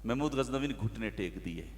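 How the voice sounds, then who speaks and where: A man's voice: fairly low pitch, lively intonation, normal speed, in a large hall. A male Islamic preacher, telling stories dramatically in an impassioned sermon at a large religious gathering. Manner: impassioned, dramatic storytelling, rising to shouts.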